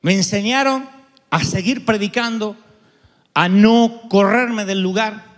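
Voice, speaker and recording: A man with an Argentine accent, a pastor preaching a sermon, telling stories with sudden shouts and humor. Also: sits high, slow pace. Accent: Argentine Spanish. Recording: long reverb of a large hall.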